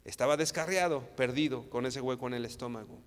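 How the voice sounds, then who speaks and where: A Mexican man preaching a sermon in a smooth, resonant voice. He talks earnestly, repeats himself and trips over restarts. Long reverb trails behind him, as in a large church hall. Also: mid-range voice, brisk. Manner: earnest, repetitive, stammers and restarts, frequent tag questions.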